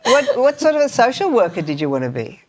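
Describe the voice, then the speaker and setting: A woman's voice: on the high side, very animated, fast talker. A woman interviewing an author on stage, asking questions that steer her story. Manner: warm, prompting questions.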